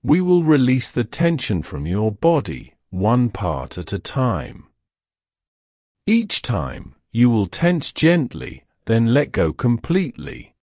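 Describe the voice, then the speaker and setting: A man slowly and soothingly guiding a listener through a relaxation and sleep hypnosis script. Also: medium pitch, huge pitch swings, a little mellow, dry recording, studio quality. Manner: slow, soothing, drawn-out delivery.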